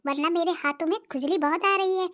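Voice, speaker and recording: A voice artist playing a bossy, sharp-tongued middle-aged cartoon wife who nags and threatens. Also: very high-pitched, a little fast. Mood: scolding. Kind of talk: cartoon voice acting.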